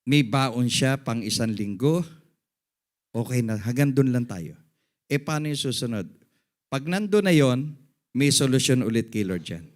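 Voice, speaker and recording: A man's voice: lively intonation, measured pace, pauses often. A middle-aged man preaching as a pastor, mixing English phrases into his sermon and calling for "Amen" from the congregation. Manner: swings between quiet, low asides and loud, high-pitched emphasis. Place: church service.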